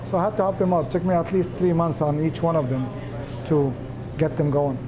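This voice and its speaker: A man's voice: on the high side, fairly quick, a crowd in the background, poor audio. A man from Lebanon, a restaurant owner talking earnestly in a news feature interview. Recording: music bed under voice. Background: music.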